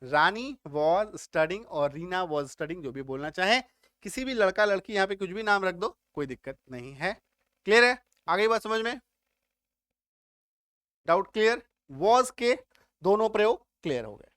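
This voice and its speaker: A man's voice: high voice, expressive, measured pace, a bit bright, dry recording, studio quality. A man teaching English grammar step by step, often stopping to check whether his students have understood. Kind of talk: spoken grammar lesson.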